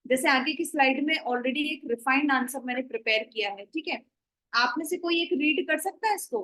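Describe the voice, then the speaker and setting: High-voiced woman teaching online. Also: brisk, sharp tone, low-quality recording. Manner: mixes Hindi and English, gives instructions. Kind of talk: online class lecture.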